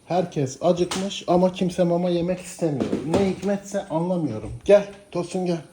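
A man's voice: sits high, normal speed, mellow, a little hiss or hum. A man talking casually to his cat and dog, coaxing and pleading with them in a pet-talk way. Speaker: pet owner.

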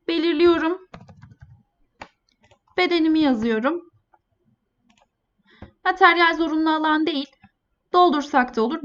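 A woman presenting a scripted step-by-step software tutorial in a polite, formal customer service manner. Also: sits high. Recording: dull, lo-fi voice-over.

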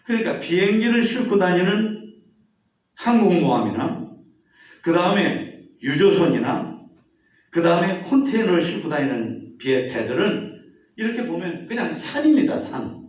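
A man preaches to a congregation in a church sanctuary. His speech is heavy with room echo, and he sounds somewhat distant from the microphone. He tells stories in an animated way and asks his listeners questions. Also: sits high, unhurried, pauses often. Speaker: pastor. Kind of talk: sermon. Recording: echoey church hall, mic at a distance.

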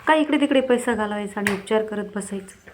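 A woman voicing a man's cheerful village friend who gives warm, persuasive advice. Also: mid-range voice, brisk, a little hiss or hum, close to an everyday voice. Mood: encouraging.

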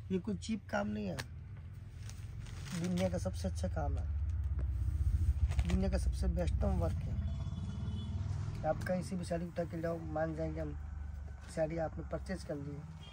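A man from Rajasthan, giving an emphatic, repetitive sales pitch for the sarees he makes. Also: noisy background. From Rajasthan, India. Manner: emphatic, repetitive praise of the goods. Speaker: saree seller and manufacturer. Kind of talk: sales pitch showing products.

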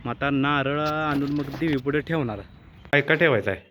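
A man's voice: fairly high pitch, moderate pace, noisy background. A young man narrating his errands in a casual vlog. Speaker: vlogger. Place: home and street, outdoors at times.

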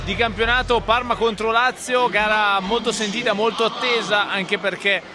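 Male football commentator, breathless and partisan, high voice, over clear stadium crowd noise. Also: normal speed. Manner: breathless, excited, partisan, repeats players' names. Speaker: football play-by-play commentator for a club channel.

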